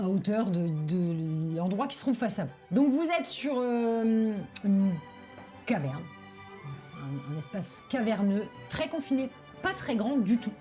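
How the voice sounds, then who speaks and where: A woman game master improvising descriptive tabletop narration, often pausing to search for words. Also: medium pitch, mellow.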